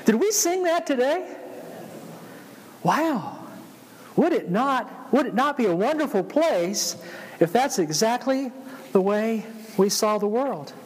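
A man's voice: high-pitched, lively intonation, slow, slightly rough. A man with a Southern accent from Georgia preaching as a pastor, repeating phrases and calling on his congregation to respond. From Georgia, United States. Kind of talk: sermon. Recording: long hall reverb of a large room.

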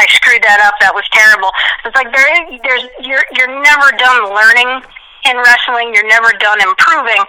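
A woman talking casually as an interview guest, telling stories in an animated way. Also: fairly high pitch, rough recording. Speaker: podcast guest, ring announcer and commentator.

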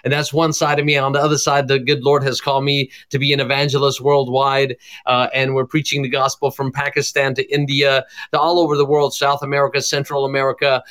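A man's voice: mid-range voice, level tone, a little fast, hardly any pauses, a bit bright. A man from Jerusalem, a cardiologist and evangelist, giving his testimony in an interview with fervent, preacher-like emphasis.

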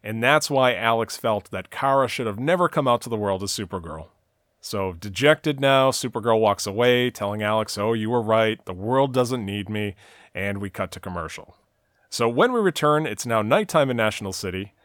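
A man's voice: fairly low pitch, lively intonation, normal speed, fairly bright tone, no echo, clean studio sound. A man co-hosting a casual podcast, recapping a TV episode scene by scene with frequent "uh" and "you know". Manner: narrates the plot at length, with frequent "uh" and "you know".

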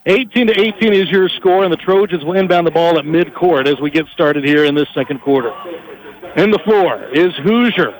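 A man calling live basketball play-by-play on a broadcast headset, rapid and energetic, his voice rising on big plays. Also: a little high, rough recording. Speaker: play-by-play announcer.

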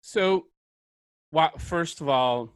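A man's voice: fairly high pitch, extremely slow, smooth, dry recording, poor audio. A man from Bulgaria, hosting a podcast interview and talking in an enthusiastic, motivational way. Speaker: podcast host. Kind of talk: interview conversation.

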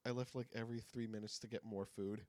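A man's voice: lowish voice, steady tone, fast, a little mellow, dry recording. A young man co-hosting a casual podcast, telling a story in a laid-back way, with swearing and frequent laughter. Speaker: podcast co-host. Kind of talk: casual chat.

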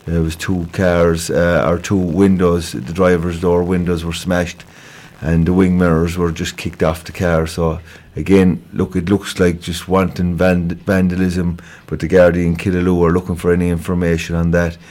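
A man with a Kerry accent speaks at a moderate pace, with hardly any pauses, in a low, darkish voice and flat delivery. He's a local radio guest making an informal, hesitant police appeal, conversational in tone and prone to repeating words.

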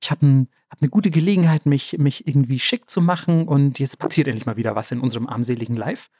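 A man's voice: medium pitch, quick pace, a little mellow, dry recording, lightly acted. Chatty young girl in slang, guy doing her voice, dry mic. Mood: excited. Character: young girl, eager then skeptical.

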